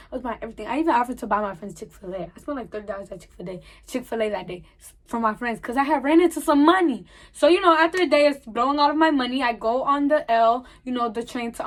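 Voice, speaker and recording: A young woman telling a storytime vlog in an animated way, acting out the dialogue. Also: a little high. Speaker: vlogger.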